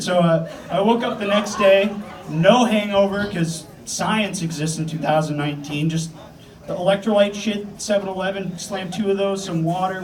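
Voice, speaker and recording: A man's voice: high voice, distant mic. A man from the South Shore of Massachusetts doing a stand-up comedy set in a club, crude and rambling, laughing at his own jokes.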